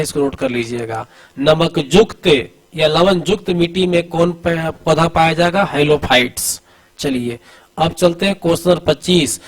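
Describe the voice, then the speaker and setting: A somewhat high-voiced man teaches an exam-prep class from diagrams. He fires a question, answers it himself, then repeats it in a steady drill. He talks to his students as "beta" and keeps pushing them to answer quickly. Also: rough recording. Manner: addresses students familiarly, urging quick answers. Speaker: coaching teacher.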